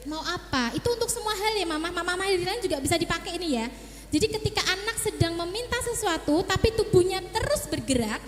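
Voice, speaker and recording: A woman's voice: very high-pitched, a little hiss or hum. A middle-aged woman, a child psychologist, talking to parents in a seminar, coaching them and acting out little scenes between mother and child. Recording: echoey hall reverb.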